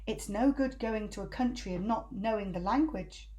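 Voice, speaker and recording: A woman's voice: mid-range voice, moderate pace, warm tone, a little hiss or hum, natural voice. A woman voicing a grand, self-assured and helpful travelling bird in a children's storybook. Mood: grand, breezy.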